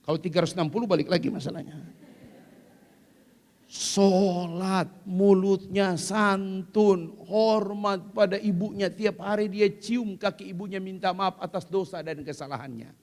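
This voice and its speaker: A male preacher delivering a sermon with dramatic storytelling, impassioned and swelling to shouts. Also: high-pitched, measured pace. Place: women's study gathering hall. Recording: long hall reverb.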